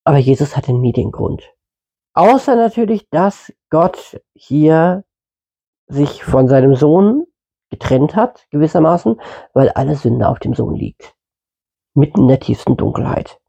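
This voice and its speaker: A man's voice: fairly high pitch, big pitch swings, a little slow, creaky, dark tone, slightly rough, lo-fi sound. A man giving informal Bible teaching in a conversational way, with fillers and mid-sentence self-corrections. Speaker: preacher.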